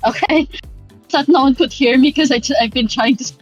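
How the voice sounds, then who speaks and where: A woman in a casual reading group chat, talking fast with clipped, cut-off words while her call audio glitches and breaks up. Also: high voice, over music. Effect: glitchy call audio that keeps breaking up. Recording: dull, lo-fi call line, distant from the mic.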